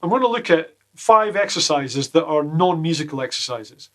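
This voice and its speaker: A man teaching guitar exercises in a casual lesson from a small home studio, full of deadpan jokes between the explanations. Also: a little high, normal speed. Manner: jokey, deadpan asides. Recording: loud guitar playing behind the voice.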